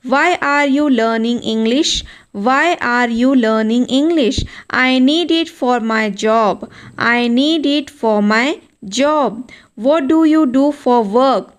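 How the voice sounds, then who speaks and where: Slow, high-voiced woman teaching English. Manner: reads each sentence twice, slow and even. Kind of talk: slow beginner English drill reading.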